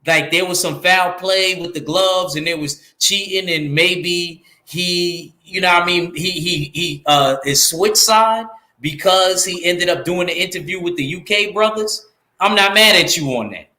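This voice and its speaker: A man's voice: sits high, a little slow, roomy sound. A man with a New York accent, co-hosting a casual boxing talk show and making his point emphatically, repeating lines for effect. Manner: animated, emphatic, repeats himself. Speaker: podcast co-host.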